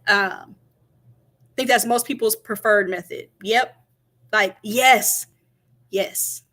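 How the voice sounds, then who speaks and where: A young woman talks casually to her camera. She is chatty and emphatic, driving her points home by repeating them. Her voice sits at a middling pitch. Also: slow, pushed and bright. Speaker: vlogger.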